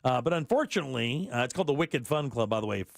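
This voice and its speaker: A man's voice: mid-range voice, animated, very fast, gravelly, no room sound, clean studio sound. A man hosting a radio talk show, reading news items with casual asides and frequent laughs. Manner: chatty, laughs often, reads stories with asides.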